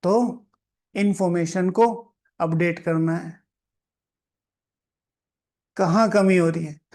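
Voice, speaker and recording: A man's voice: high-pitched, slow pace, a little mellow. A man who is a spiritual teacher, explaining a scripture reading. He repeats key phrases for emphasis, drops English words into his talk and guides listeners in reflection. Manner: mixes English words into Hindi; reflective, guiding listeners through meditation.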